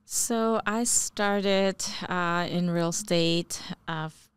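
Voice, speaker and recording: A Bangladeshi-born woman in her forties who grew up in New Jersey chats casually as a real estate investor guest on an interview, rambling and laughing a lot. Her voice is fairly low, smooth, and extremely slow, with no room sound.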